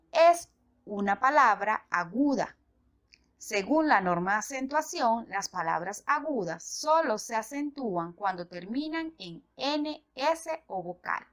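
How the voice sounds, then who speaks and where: A woman teaching a grammar lesson, explaining slowly and deliberately and spelling out examples one by one. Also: fairly high pitch, fairly bright tone. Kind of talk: educational lesson narration.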